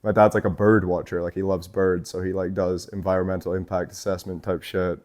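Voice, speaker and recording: A young man from Scotland with a very low voice talks casually as a podcast guest. His speech is loose and rambling, packed with fillers and casual swearing. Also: flat delivery, a little fast, darkish tone. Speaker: guest artist. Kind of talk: casual chat. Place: tattoo shop.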